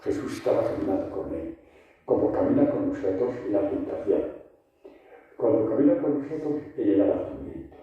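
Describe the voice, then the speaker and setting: A man preaching a catechesis in a large church, lively and rhetorical, putting questions to the congregation. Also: lowish voice. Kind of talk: sermon catechesis. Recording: echoey church, distant dull mic.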